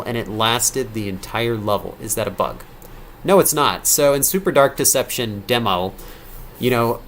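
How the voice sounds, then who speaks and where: Late at night on a relaxed live stream, a thirties-aged game developer answers viewers, reading out donors' questions, wandering off on tangents and fixing what he just said. He has a mid-range, slightly bright voice, and there's a faint hiss or hum on the recording.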